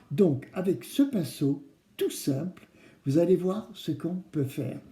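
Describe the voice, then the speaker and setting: A man's voice: fairly high pitch, dark tone, a little hiss or hum. A man hosting a kids show, speaking to children with simple, coaxing explanations and questions. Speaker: children's craft show host. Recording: roomy, echoing room.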